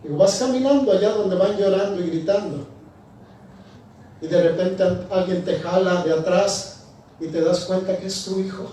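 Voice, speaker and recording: A man's voice: sits high, moderate pace, slight background noise. A male pastor preaching a sermon, telling stories with animation and acting out the dialogue. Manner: animated storytelling, acts out dialogue. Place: church. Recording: echoey church, distant mic.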